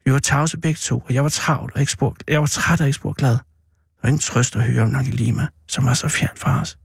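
A man reading a storybook aloud in a slow, mournful narration. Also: mid-range voice, fairly even intonation, vocal fry, slightly rough, no room sound, clean studio sound.

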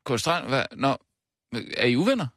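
A man's voice: medium pitch, big pitch swings, a bit bright, no room sound, studio quality. A man hosting a radio comedy news show, exasperated and often stammering over repeated words. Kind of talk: scripted comedy sketch.

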